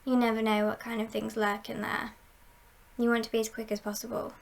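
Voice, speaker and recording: A woman playing a confident, scheming female heist boss in an ASMR role-play, speaking in a measured, playful and conspiratorial way with a creaky voice. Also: fairly high pitch, completely flat delivery. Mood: conspiratorial, commanding.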